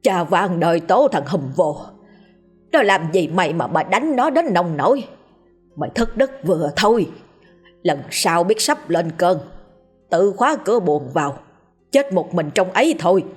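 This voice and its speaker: A woman's voice: on the low side, animated, a little slow, slightly rough, soft background music. A woman voicing a miserly, fretful old grandmother in a storybook tale who scolds and laments in a rustic way. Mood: scolding.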